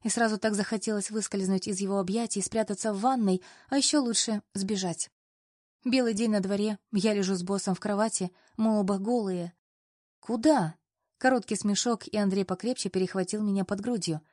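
A woman narrating a novel in the first person, with a lively and expressive reading. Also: medium pitch, brisk, no room sound, clean studio sound. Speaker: audiobook narrator.

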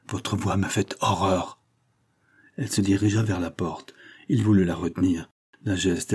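Low husky guy narrating an old novel, dark mellow tone, steady pace. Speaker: audiobook narrator. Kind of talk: scripted narration of a classic novel.

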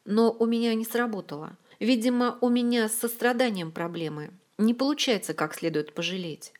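A woman's voice: fairly high pitch, normal speed, lightly acted. A woman doing a stern, cool-headed queen. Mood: matter-of-fact. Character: stern, pitiless noblewoman, a queen.

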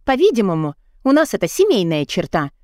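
A woman's voice: medium pitch, huge pitch swings, fairly quick, darkish tone, dry recording, clean studio sound. A woman voicing a defiant young daughter who speaks in a raised, insistent way, her voice lifted above her usual register.

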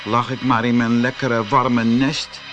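A man voicing a small, frightened young male otter cub in a storybook, calling out in high, pleading cries. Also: huge pitch swings, unhurried, music in the background. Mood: hopeful.

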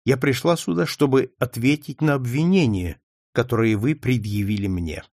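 A man voicing a quiet, earnest young woman defending herself against an accusation. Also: medium pitch, moderate pace, dry recording, clean studio sound, natural voice. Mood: earnest defensive.

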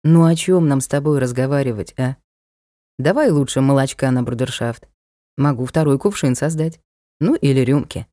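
A woman voicing a sulky, sarcastic young male dark lord in an audiobook, scornful and prone to yelling. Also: very deep voice, moderate pace, dry recording, studio quality, pitched below the performer's own voice. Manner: petulant, scornful, bursts into shouting. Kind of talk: audiobook character voice.

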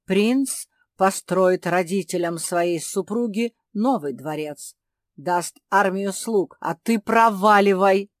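A woman puts on a puffed-up male dog father for a storybook. He shouts his commands harshly and drags his words out slowly. The voice is close and dry. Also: medium pitch, no echo, natural voice. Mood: angry.

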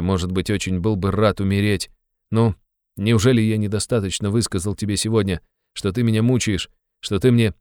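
A man's voice: fairly low pitch, a little mellow, smooth, dry recording, studio quality, voice pushed up, lightly acted. A man voicing a sick, irritable young man who speaks with cold, strained bitterness.

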